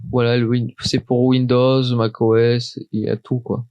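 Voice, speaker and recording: A man walks through a software install at his desk in a loose, chatty way, stumbling over words and restarting his sentences. His pitch sits in the middle of the usual range. The sound is dry and close, with no room around it. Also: flat delivery, normal speed, dry recording, highs cut off. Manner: hesitant, many restarts and fillers, chatty. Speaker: tutorial maker. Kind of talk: casual screen-recorded software tutorial.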